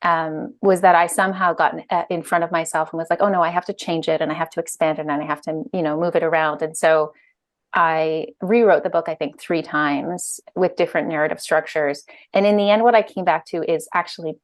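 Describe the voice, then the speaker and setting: A woman's voice: low voice, fairly even intonation, fairly quick. A woman in her thirties, a guest on a video-call interview, talking casually with many fillers and restarts. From Ireland and Canada. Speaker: guest, UX director and author. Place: bright room at home. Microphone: earphone mic on video call.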